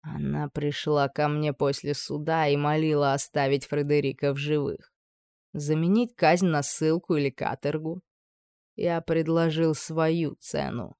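Brief: woman reading as sinister male judge, slow, hushed, dry close sound. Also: vocal fry, clear, resonant tone, no room sound. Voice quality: low, purring, insinuating. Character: menacing scheming middle-aged male high judge.

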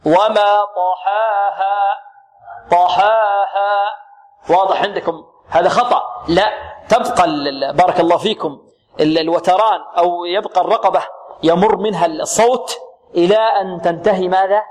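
A man teaching Quran recitation rules. He asks questions and answers them himself, and he recites words slowly to demonstrate them. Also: high voice. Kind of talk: tajweed lesson with demonstrations.

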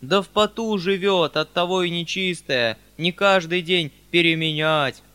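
A man's voice: sits high, bright, forceful tone, clean tone, pitched above the performer's own voice. Man doing wailing humble peasants. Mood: plaintive. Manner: wailing, drawn-out, imploring. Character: crowd of humble pleading male peasants.

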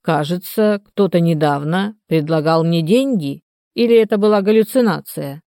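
A woman voicing a hoarse, half-drunk old male canal watchman who grumbles slowly and muses aloud. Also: lowish voice, mellow, no room sound, studio quality, lightly acted. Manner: grumbling, slow and musing.

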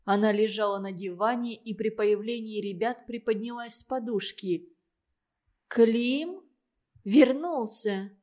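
Woman audiobook narrator, steady storytelling, slightly high pitch. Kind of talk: scripted narration of a novel.

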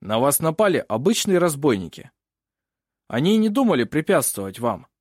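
A stern, curt judge who speaks in plain, clipped rulings, read by a man. His voice is lively in pitch and sits close and dry. The medium is an audiobook. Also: normal speed, no echo.

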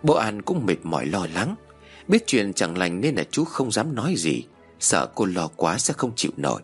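A low-voiced man tells a first-person horror story in a measured, somber way. His pitch moves in lively swings, and faint music plays underneath. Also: husky.

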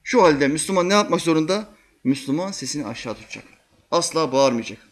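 A man giving a religious sermon, telling vivid stories and acting out quotes, swinging between loud and hushed. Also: fairly high pitch, fast. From Turkey. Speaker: preacher.

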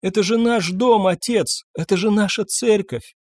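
A man's voice: high-pitched, moderate pace, darkish tone, no echo, studio quality, pitched above the performer's own voice. A man voicing a frightened young girl in an audiobook, pleading and crying out in a raised voice. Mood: tearful pleading.

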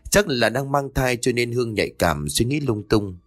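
A man's voice: mid-range voice, animated, moderate pace, dry recording, studio quality, lightly acted. A man voicing a selfish young husband who talks in a dismissive, evasive way. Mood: brooding.

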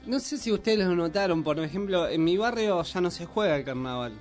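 A man's voice: sits high, animated, fairly quick, soft background music. A man from Argentina, co-hosting a casual community radio chat, joking and chatty. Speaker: radio host.

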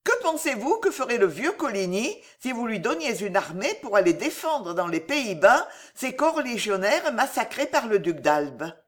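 A woman voicing a cold, calculating queen mother in an audiobook, speaking in a measured, persuasive way. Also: on the high side, sing-song. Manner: measured, persuasive, coolly triumphant. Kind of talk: audiobook character reading.

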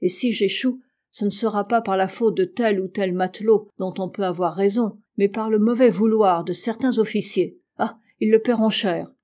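A woman's voice: mid-range voice, moderate pace, hardly any pauses, warm tone, natural voice. A woman reading the lines of a proud, stern male ship captain in an audiobook, curt and severe. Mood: stern, bitter.

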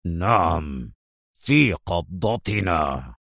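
Guy doing angry bad-guy general, slow grinding words, lower voice. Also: dry recording, clean studio sound, lightly acted. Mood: furious. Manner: slow, seething, drawn-out words. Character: furious villainous male general, bitter.

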